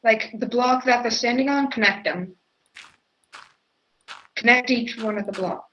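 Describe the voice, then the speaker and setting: A woman casually instructing a friend through a game build, bossy and quick to interrupt with corrections. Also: on the high side, a bit bright, a little hiss or hum. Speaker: co-host giving instructions. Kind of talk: casual game tutorial chat. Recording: dull lo-fi audio.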